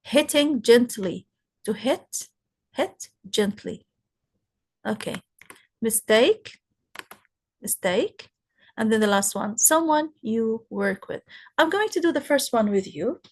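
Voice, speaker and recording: A woman teaching an English lesson, explaining slowly and asking her students questions as she goes. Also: on the high side, animated. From Palestine. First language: Arabic. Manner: slow, explaining, asks rhetorical questions. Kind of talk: recorded classroom lesson.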